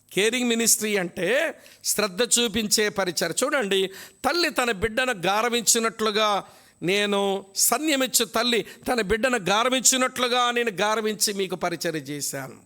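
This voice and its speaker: A man's voice: high voice, fairly bright tone. A male pastor preaching an expository sermon, emphatic and often asking the congregation questions. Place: church.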